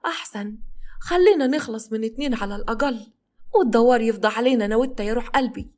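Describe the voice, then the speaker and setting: Woman doing a teasing young wife, high and quick, coy. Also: darkish tone, close to an everyday voice.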